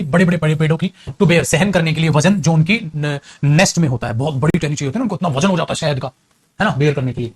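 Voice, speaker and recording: An English teacher with an Indian accent, coaxing students and slowly repeating example sentences. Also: male voice, on the high side, husky. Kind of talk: classroom lesson.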